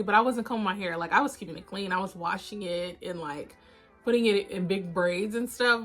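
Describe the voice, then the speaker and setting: A woman's voice: medium pitch, fairly bright tone. A woman in her thirties talking candidly and casually to her viewers, calling them y'all, filmed on a phone camera. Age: 30s. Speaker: vlogger. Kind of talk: casual confessional chat to viewers.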